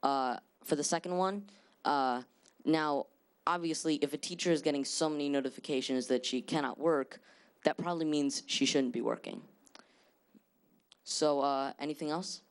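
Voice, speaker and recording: A man's voice: a little high, normal speed, clean tone. A male presenter at a mock school board meeting, answering questions confidently but with many "uh"s. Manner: confident, hesitant fillers, many "uh"s.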